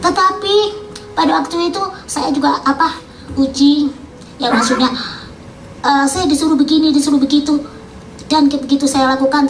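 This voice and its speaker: A woman from East Java gives a personal testimony in a casual, halting way, often searching for words and correcting herself. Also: sits high. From East Java, Indonesia. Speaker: testimony speaker. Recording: echoey room, distant mic, faint noise.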